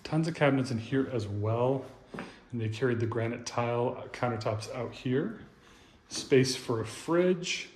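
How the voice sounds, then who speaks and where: A mid-range, darkish voice moving a little slowly belongs to an agent touring a large vacant house for sale. He narrates casually and upbeat, pointing out features as he walks, amid echoey rooms and faint room noise.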